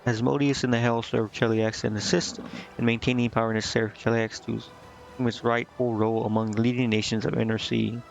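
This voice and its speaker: Over soft background music on a rough recording, a video game streamer reads text aloud and reacts in a slangy, offhand style. He talks fairly quickly in a flat, creaky, mid-range voice.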